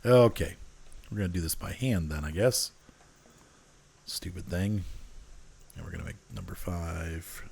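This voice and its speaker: This low-voiced man speaks at a measured pace with vocal fry, frequent pauses, and a slightly mellow, husky quality. He sounds a bit congested and nasal as he streams a train game from home, chatting casually and muttering to himself into a desk mic turned up high.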